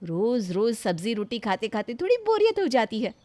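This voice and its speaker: A fretful young cartoon housewife, voiced by a woman, who murmurs worried asides under her breath. The voice sits slightly high. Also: very animated, normal speed, mellow, soft background music.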